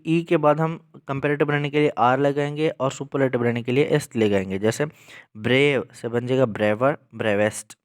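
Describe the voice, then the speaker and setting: Man, grammar teacher, patient explanatory lesson, slows for examples, dry close sound. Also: on the high side, clean tone, no room sound. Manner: patient, repeats 'theek hai' to check understanding.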